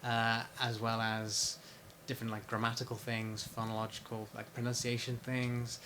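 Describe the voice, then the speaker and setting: A man being interviewed casually about his research and his book. He talks at an ordinary pitch, hesitant and full of pauses and restarts. A faint hum of ambience sits under the recording. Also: completely flat delivery. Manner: hesitant, lots of fillers and restarts. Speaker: interviewee, PhD researcher and author.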